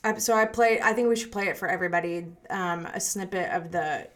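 A woman co-hosting a podcast, talking in a chatty, animated way with lots of filler words. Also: mid-range voice, a little fast. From Southwest Arkansas. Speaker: podcast co-host. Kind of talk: casual chat.

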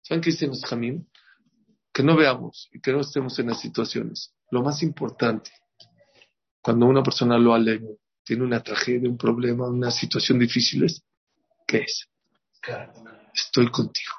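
A man gives a religious lesson as a rabbi, and he keeps asking his listeners questions. His voice is gravelly and husky at a middle pitch. The recording sounds dull and lo-fi. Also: normal speed. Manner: lively, asks the audience rhetorical questions. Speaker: rabbi teaching a Torah class. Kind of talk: religious lesson with moral teaching.

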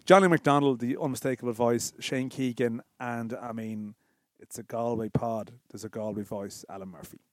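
A man's voice: mid-range voice, fairly even intonation, normal speed, no room sound, clean studio sound. An Irish man hosting a casual sports podcast, chatting in a bantering, teasing way. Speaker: podcast host.

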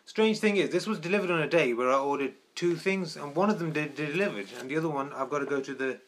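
A man's voice: on the high side, fast talker, a bit bright. Dry-humored man, light voice. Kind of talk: casual chat.

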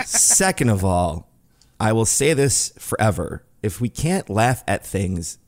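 A young man with a somewhat low voice co-hosts a casual podcast. He talks loosely and jokes about himself. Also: big pitch swings, takes it slowly. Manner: self-deprecating, joking. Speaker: podcast co-host.

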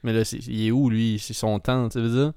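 A man's voice: mid-range voice, flat delivery, a little fast, mellow, smooth, no room sound, clean studio sound. A man with a Québécois French accent telling a story in a casual chat, rambling with lots of fillers and dropping in English words.

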